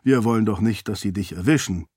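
A quick-witted young nobleman, scheming and urgent, as a male audiobook reader puts him on. He speaks higher and louder than the narration, pushing and commanding. The sound is dry and close. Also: husky, no echo. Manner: commanding, pressing. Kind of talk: audiobook character voice.

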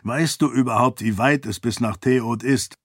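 A man's voice: mid-range voice, normal speed, no room sound, studio quality, natural voice. Audiobook: man doing a stern male friend, firm and admonishing.

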